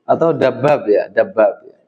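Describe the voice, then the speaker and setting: A man teaching Arabic to a class, drilling questions and explaining words patiently, often ending phrases with a soft "ya". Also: mid-range voice, lively intonation. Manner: slow, patient drilling with frequent "ya". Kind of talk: classroom Arabic lesson in Indonesian. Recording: roomy, slightly dull classroom sound.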